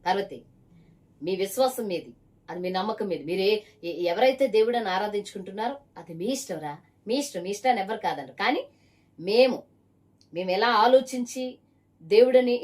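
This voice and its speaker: A woman evangelist preaches her testimony at a middling pitch. She talks emphatically and presses a single listener again and again with pointed rhetorical questions. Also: lively intonation, fast, darkish tone, recorded from a distance. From Visakhapatnam area, Andhra Pradesh.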